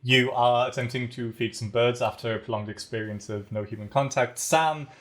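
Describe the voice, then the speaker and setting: A male podcast host who leads improv games, handing out scenes in an amused, easygoing tone. His voice sits at an ordinary middle pitch. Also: fairly even intonation, normal speed, a loud crowd. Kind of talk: casual improv podcast hosting.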